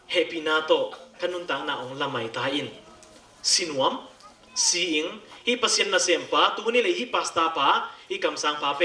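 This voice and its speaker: A man's voice: a little high, pushed and bright. A man preaching earnestly to a church congregation. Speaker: pastor. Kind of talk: sermon. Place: church hall. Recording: echoey church hall, mic at a distance.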